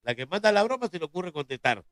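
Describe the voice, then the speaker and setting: A man co-hosting a live show with casual banter in a mid-pitched voice. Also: big pitch swings, fast, fairly bright tone, no room sound, clean studio sound. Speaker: co-host of a live prank-call show.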